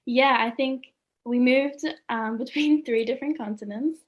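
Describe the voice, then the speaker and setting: A woman's voice: sits high, a little slow, highs cut off. A young woman from Australia, a student artist answering interview questions in a chatty way, full of "like" and small laughs. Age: young adult. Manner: chatty, many "like"s, laughs often. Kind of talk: casual interview chat.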